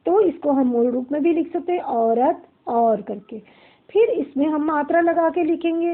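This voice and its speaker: Slow, patient woman teaching a lesson. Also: high voice. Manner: slow, repeats questions and answers them herself. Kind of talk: classroom grammar lesson. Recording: tinny phone-like audio.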